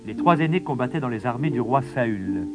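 A man reading a children's storybook aloud in a measured, dramatic narration. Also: mid-range voice, lively intonation, music in the background.

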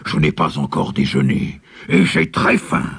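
A man's voice: extremely low pitch, fairly even intonation, measured pace, creaky, a bit bright, slightly rough, no echo, full character voice. A man voicing a sly, greedy tiger in a storybook, purring and scheming as he talks. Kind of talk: storybook character voice.

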